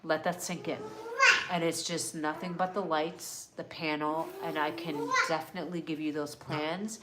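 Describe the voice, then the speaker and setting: This wellness livestream host, a middle-aged North American woman born in Canada who grew up in California, chats earnestly as she reads viewer questions aloud in a casual live Q&A. She speaks at a normal speed in a low voice with a level tone, over heavy background noise.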